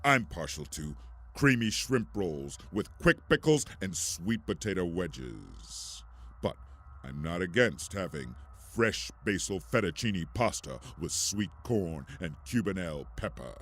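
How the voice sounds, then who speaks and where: Deep, sing-song and unhurried with a touch of brightness, this man hosts a podcast and reads a sponsor ad in a chatty, scripted style. Music plays behind his voice.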